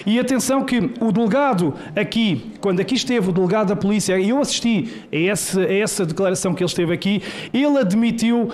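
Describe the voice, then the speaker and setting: A man's voice: high voice, fast, a little mellow. A man from Portugal with a European Portuguese accent, reading a prepared statement at a public hearing in an emphatic, rhetorical, indignant way. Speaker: journalist giving testimony. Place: senate hearing room.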